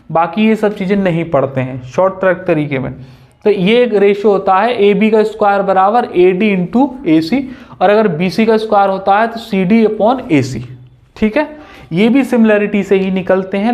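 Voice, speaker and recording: A man's voice: high-pitched, darkish tone. A young man teaching a maths lesson at a whiteboard, chatty and casual, joking with his students.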